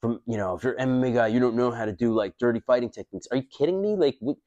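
A man in his thirties runs a self-defense channel and talks to the camera in a casual, blunt way, full of fillers and swearing. He speaks rapid-fire with a slightly mellow tone. A lapel mic in a high-rise room captures him, and the audio sounds dull.

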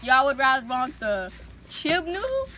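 Woman vlog host, high and lively pitch, giggly and excitable, noisy home recording. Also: measured pace. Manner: excitable, giggly, talks to viewers. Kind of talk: casual food challenge vlog.

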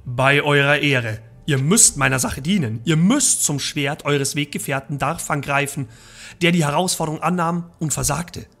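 A man voicing a stern commanding male king, solemn and measured, read from a book in a game. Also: on the high side, vocal fry, fairly bright tone.

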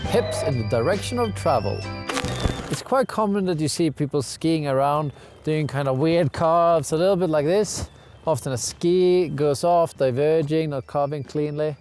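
Speaking at normal speed in a higher-than-average voice, a young man gives an informal ski lesson to camera. He's outside on a mountain, and music can be heard in the background.

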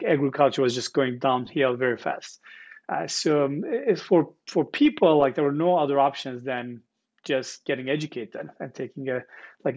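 Man, 40s, slightly high voice, earnest, restarts words, earbuds on video call. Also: a little mellow, highs cut off. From Turkey. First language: Turkish. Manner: earnest, repeats words while searching, fillers. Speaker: guest founder. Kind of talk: casual interview storytelling. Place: living room with armchairs, indoors.

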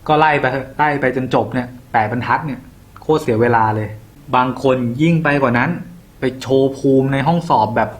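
ติวเตอร์ชายพูดกันเองแบบพี่สอนน้อง. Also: male voice, mid-range voice, a little fast. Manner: casual, slangy, talks to students as an older brother. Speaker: exam tutor. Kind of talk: casual exam-prep lesson.

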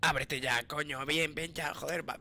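A young man gives casual let's-play commentary, swearing and repeating himself in mock panic. His voice sits a touch high for a man. A steady noise hum runs through the home recording. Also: normal speed, gravelly. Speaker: gamer streamer.

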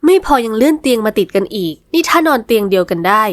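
A woman narrating a romance novel in smooth, scripted storytelling. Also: on the high side, expressive, fast talker, no room sound. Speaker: audiobook narrator.

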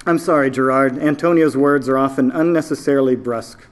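A man reading aloud, voicing a kindly male soldier who speaks gently and apologetically. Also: medium pitch, fairly quick, close to an everyday voice. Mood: gentle.

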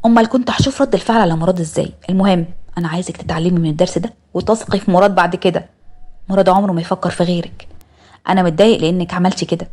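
A woman's voice: lowish voice, darkish tone, close to an everyday voice. A woman with an Egyptian accent voicing a proud, jealous middle-aged father who teases and scolds. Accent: Egyptian Arabic.

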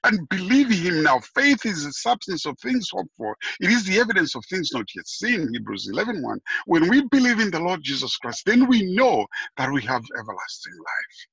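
A man's voice: sits high, sing-song, moderate pace, creaky, few pauses, a bit bright, breathy edge, no echo, lo-fi sound. A man preaching a sermon, emphatic and repeating his key phrases. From Zambia.

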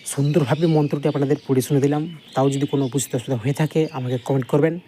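A man with a Bengali accent explains a ritual step by step, repeating each instruction patiently. His voice is dark and mellow, and faint birdsong sits softly behind him. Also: mid-range voice, steady tone, slight background noise. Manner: slow, repetitive step-by-step instruction. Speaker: mantra teacher. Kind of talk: spoken tutorial with slow chanted recitation.

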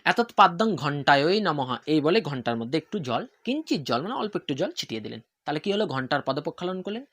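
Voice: mid-range voice, sing-song, fast talker, husky. A devotional teacher explaining a worship ritual step by step, posing rhetorical questions and answering them, often repeating key points. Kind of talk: instructional talk on worship ritual.

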